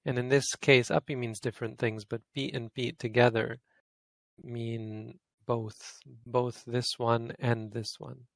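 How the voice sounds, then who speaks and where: A man's voice: mid-range voice, little pitch movement, a little slow, gravelly, dry recording. A man, a Buddhist monk, giving an informal grammar lesson to a study group, thinking aloud and correcting himself as he goes. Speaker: Buddhist monk teaching Pali.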